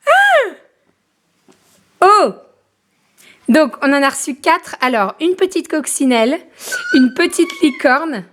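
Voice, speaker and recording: A young woman chatting casually in a home vlog as a mother, filling pauses with "euh" and turning aside to coo at her baby. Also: sits high, lively intonation.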